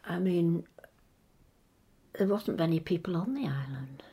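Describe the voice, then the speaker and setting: Older woman from England, interviewee. Gravelly, husky voice; hesitant, meandering, conversational reminiscence. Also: fairly low pitch, expressive, unhurried, mellow. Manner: hesitant, rambling, circles back to rephrase. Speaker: interviewee recalling local history.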